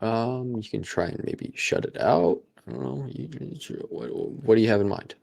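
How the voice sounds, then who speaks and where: A man narrating a tabletop game as dungeon master, talking in a relaxed way with many pauses and fillers. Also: lowish voice, gravelly.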